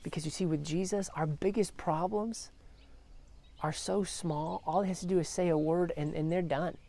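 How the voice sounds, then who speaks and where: A woman's voice: fairly low pitch, steady tone, normal speed, mellow. A woman telling a Bible story as a devotional, earnest, acting out the quotes as she goes. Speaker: devotional speaker.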